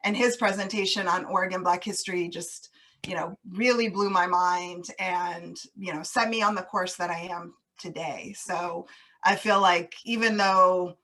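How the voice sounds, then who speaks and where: A woman's voice: fairly low pitch, steady tone, moderate pace. A woman interview guest speaking casually and reflectively, laughing now and then as she talks about growing up on military bases. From grew up on US military bases overseas. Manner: warm, reflective, laughs easily.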